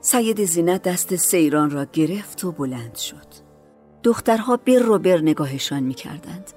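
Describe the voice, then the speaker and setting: Calm low-voiced woman reading a story. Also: soft background music. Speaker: narrator. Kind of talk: storybook narration.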